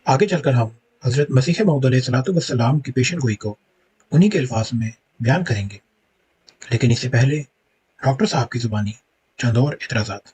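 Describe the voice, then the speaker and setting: A man reading a scripted religious rebuttal in a measured, argumentative way, quoting passages aloud. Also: mid-range voice, a little mellow, husky. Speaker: religious commentator rebutting a critic.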